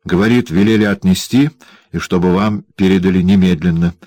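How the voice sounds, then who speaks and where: Man reading as a timid scared wife, begging softly, deep voice kept. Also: fairly even intonation, a little fast, no room sound. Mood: pleading. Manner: pleading, timid. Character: meek, tearful, frightened young wife. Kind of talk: audiobook character voice.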